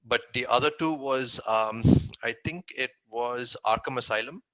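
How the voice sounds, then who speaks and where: A man's voice: medium pitch, moderate pace, bright, forceful tone, no echo, dull audio. A man with a Tamil accent giving casual interview answers as a guest, recounting his work. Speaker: interview guest, comic writer.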